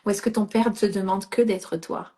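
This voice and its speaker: A woman's voice: mid-range voice, fairly even intonation, moderate pace, dark tone. A middle-aged woman coaching a participant in a live session, directive and reassuring, checking in often with "d'accord?" and slipping English phrases into her French.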